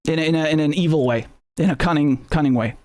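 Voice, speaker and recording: Speaking a little high and fast, a man hosts a live stream about what's happening in the news. His tone is casual, spirited and sardonic, with frequent repetition and profanity.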